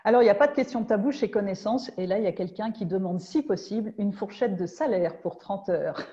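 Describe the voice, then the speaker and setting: A woman's voice: medium pitch, fairly quick, mellow. Woman moderator on dull lo-fi call audio. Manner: reads questions out, brief acknowledgements. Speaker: webinar moderator reading audience questions. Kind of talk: moderating a webinar.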